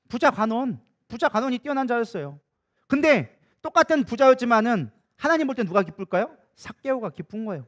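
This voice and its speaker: A man pastor preaching a sermon in a lively, conversational way, acting out the voices of the people in his story. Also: high voice. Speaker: co-senior pastor.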